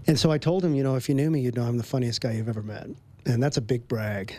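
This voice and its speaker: A man telling a personal story in an interview, relaxed, with frequent ums and little chuckles between phrases. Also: medium pitch, fast talker. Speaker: guest.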